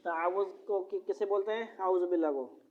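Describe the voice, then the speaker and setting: Pakistani urdu accent lady tutoring quran one on one, slow drilling, kinda low voice, dull lo-fi sound. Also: a crowd in the background. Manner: drills syllables slowly and corrects pronunciation. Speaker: Quran teacher. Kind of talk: one-on-one recitation lesson. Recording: muffled lo-fi recording.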